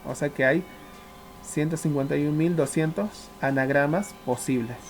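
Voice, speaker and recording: A man's voice: on the high side, normal speed, faint music behind. A man teaching a math class, working through each step and often asking whether the students follow. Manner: works step by step, often checks understanding with the class; asks questions and answers them himself. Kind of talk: classroom lecture.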